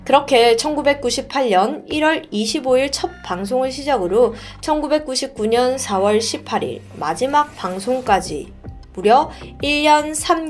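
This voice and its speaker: Chatty woman host narrating a story, voice swings up and down a lot, soft music behind. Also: sits high. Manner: chatty, animated, asks the listener questions.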